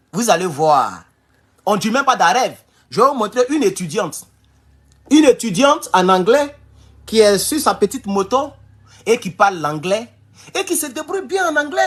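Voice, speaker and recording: A high, husky male voice with a Burkinabè French accent delivers a political commentary vlog. He talks in an animated, rousing way, swinging widely in pitch and often restarting his phrases as he calls on his listeners as comrades. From Burkina Faso.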